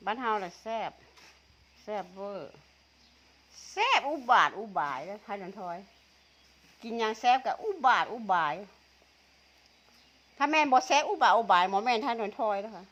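A woman's voice: mid-range voice, expressive, moderate pace, pauses often, a bit bright, highs cut off. Chatty woman with an Isan accent. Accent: Isan (northeastern Thai), Tai Yo. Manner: chatty, laughs often, teasing. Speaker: vlogger. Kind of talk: casual chat while eating.

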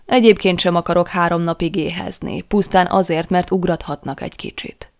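A man's voice: high-pitched, steady tone. A woman voicing a young, playful male Scottish husband with a teasing manner in an audiobook reading. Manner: teasing, quietly amused.

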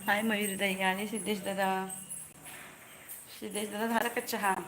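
A woman hosts a casual livestream from a window at home, greeting viewers by name and answering their comments. Her voice sits at a middle pitch and stays flat and even. Steady background noise runs under the phone recording. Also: normal speed. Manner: shows birds from her window and chats about them. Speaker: livestream host.

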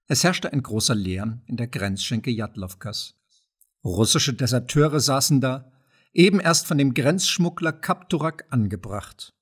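A man narrating a classic novel as an audiobook, in a measured way, dropping low and soft at the narration tags. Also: slightly rough.

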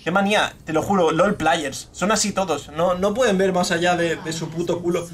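Young male gaming streamer, Spain accent, slightly high voice, fast excitable rants over noisy game sound. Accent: Spain Spanish. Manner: excitable, swears, frustrated rants at teammates. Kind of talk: live gameplay commentary.

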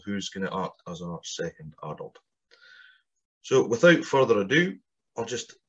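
A man with a broad, thick Scottish accent and a lowish voice introduces an online session in an informal way. The sound is a little dull, as on a video call. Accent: thick Scottish, Aberdeen area. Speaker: webinar host, Sea Cadets officer. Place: indoor room, on a video call. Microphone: video call microphone. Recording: dull, muffled webinar audio.

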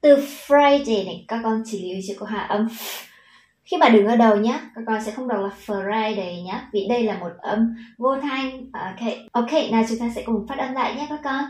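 A woman's voice: a little high, moderate pace, a little mellow, roomy sound, poor audio. A woman with a Vietnamese accent teaching children English pronunciation, patient and encouraging, stretching out the model words.

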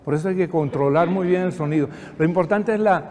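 With a slightly high, darkish voice and quick speech, an older man leads choir practice, offering patient encouragement laced with dry wit. Faint noise sits under the echo of the hall.

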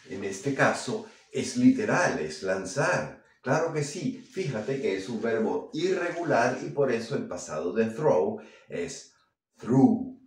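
A man teaching English phrasal verbs in Spanish. He says the English examples slowly and carefully, then explains them quickly. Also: mid-range voice, very echoey, far from the mic. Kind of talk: Spanish-language English lesson.

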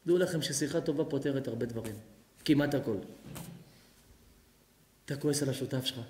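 A rabbi giving a lively sermon, often acting out both sides of imagined conversations. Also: male voice, medium pitch, slight background noise. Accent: Israeli Hebrew. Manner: animated preaching, acting out both sides of dialogues. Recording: echoey hall.

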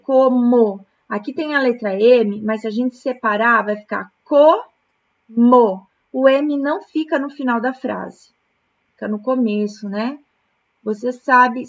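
A woman from Brazil, a primary school teacher, correcting exercises in a remote lesson, explaining words slowly, syllable by syllable. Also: a little high, dull audio. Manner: slow, patient, syllable-by-syllable explanation.

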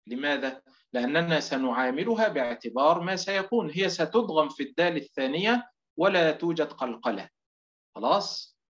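A man's voice: fairly high pitch, fairly bright tone. Man teaching recitation over muffled audio. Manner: explains step by step, stretches out example words slowly. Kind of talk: online recitation lesson.

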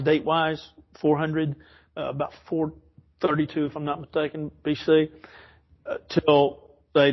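The speaker is a man with a voice on the high side, teaching a casual Bible study in a church classroom. He rambles, corrects himself as he explains, and chuckles frequently, and the audio lacks its high frequencies.

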